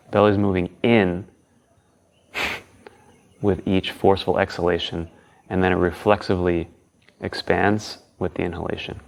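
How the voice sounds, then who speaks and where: A man's voice: low-pitched, creaky. A man teaching a guided breathing lesson as an instructor, with casual, informal phrasing.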